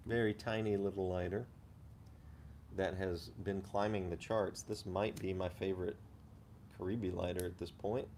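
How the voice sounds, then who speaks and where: A man with a low voice hosts a casual livestream. He talks in an unhurried way and explains items in detail, over a faintly noisy background. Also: steady tone, a little mellow. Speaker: host of a pipe-smoking live chat.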